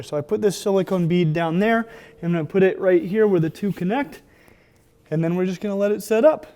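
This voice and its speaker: Higher-voiced man, excited casual makeover vlogger. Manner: excited, gushing when revealing the finished makeover. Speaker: host of a reptile enclosure build video. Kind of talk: casual DIY vlog narration.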